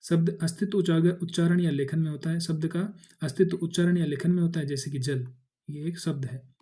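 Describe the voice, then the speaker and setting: Man tutor dark, mellow voice, fairly high, casual exam-prep lecture. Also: steady tone, a little fast. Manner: explains in Hindi with English words mixed in, many fillers and restarts.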